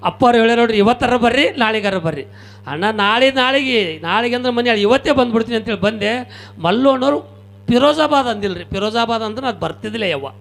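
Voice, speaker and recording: A man with a North Karnataka Kannada accent tells comic stories on stage, talking straight to the audience. His voice sits very high, with a gravelly edge. His delivery is lively and punchy, in the style of a live comic storyteller. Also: fairly quick. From Kalaburagi, Karnataka. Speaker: stage comedian. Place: stage at a religious gathering.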